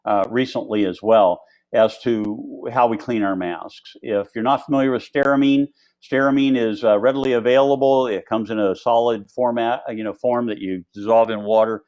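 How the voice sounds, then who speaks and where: A man's voice: mid-range voice, fairly even intonation, normal speed, darkish tone. A man giving an informal, rambling tutorial as an instructor presenting equipment on live video in a conversational way. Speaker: instructor presenting diving gear.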